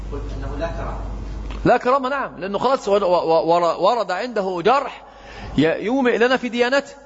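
A man's voice: sits high, lively intonation, fast, slight background noise. A man giving a classroom lecture on hadith, often quizzing his students with check questions. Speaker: hadith teacher. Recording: muffled echoey lecture hall.

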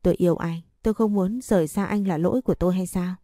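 A woman narrating a sad first-person story in a steady, sorrowful way. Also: lowish voice, fast, no room sound.

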